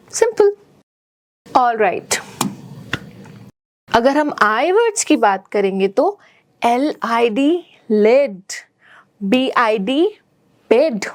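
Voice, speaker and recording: A fairly high-voiced woman with an Indian English accent teaches phonics at a very slow, careful pace. She spells each word letter by letter and then says it, switching between Hindi and English. Her voice is close and dry, with no room sound. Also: no room sound. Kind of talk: phonics lesson for children.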